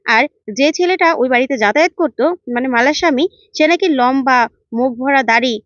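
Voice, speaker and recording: A woman voicing a sharp young woman investigator who questions and scolds sternly, in a dull, dry recording. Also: high-pitched, fairly quick, no echo.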